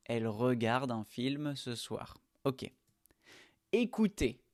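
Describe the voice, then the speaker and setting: A man teaching French verbs, modeling each sentence slowly and with careful articulation. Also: mid-range voice, lively intonation, dry recording, studio quality. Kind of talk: pronunciation lesson.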